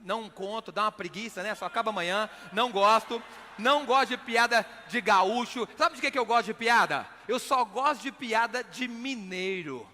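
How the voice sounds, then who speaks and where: A man from Minas Gerais with a Minas Gerais accent, a stage magician and comedian doing a live act with playful, energetic joke-telling and shouted punchlines. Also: high voice, normal speed, a little hiss or hum. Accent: Minas Gerais Portuguese. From Minas Gerais, Brazil. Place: large live event stage. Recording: live hall with long reverb.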